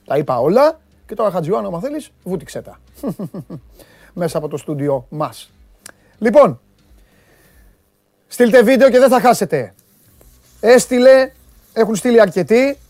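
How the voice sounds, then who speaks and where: A man hosting a sports TV show, giving lively, joking commentary on amateur football clips and bantering with his studio crew. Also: sits high, pauses often, no room sound. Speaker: sports TV host.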